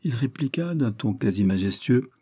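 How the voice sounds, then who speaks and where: Man reading a novel aloud, husky and dark. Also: medium pitch, animated, moderate pace. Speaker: audiobook narrator. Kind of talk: scripted narration.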